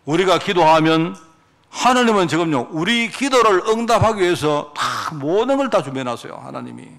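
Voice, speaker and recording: Male pastor, middle-aged, high lively delivery, preaching in church. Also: moderate pace, gravelly. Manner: animated preaching, acting out quoted prayers. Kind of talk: sermon. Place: church sanctuary.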